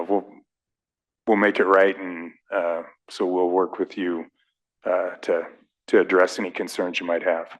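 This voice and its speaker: Low-ish guy from the railroad, apologizing to a council, lots of ums and restarts. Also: rough recording. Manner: hesitant, apologetic, many fillers. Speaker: railroad company representative. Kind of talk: formal address at a council meeting.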